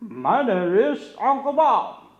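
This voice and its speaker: A man playing a friendly English-speaking uncle character who talks in slow, simple phrases. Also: very high voice, big pitch swings, heavily acted. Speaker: guest character. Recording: roomy, dull sound.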